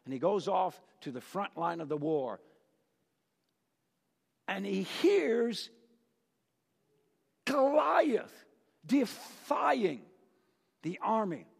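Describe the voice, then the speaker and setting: A man's voice: high-pitched, sing-song, slow pace, vocal fry, pauses often. A man preaching a storytelling sermon in a church, dramatic and asking the congregation questions, with a long reverb.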